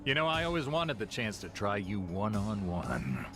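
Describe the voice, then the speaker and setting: An actor voicing a stern, proud middle-aged yakuza captain in a video game, in a measured, commanding, gravelly action-hero snake voice. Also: male voice, lowish voice, huge pitch swings. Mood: coolly confident. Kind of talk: dramatic video game voice acting. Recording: game audio with music underneath.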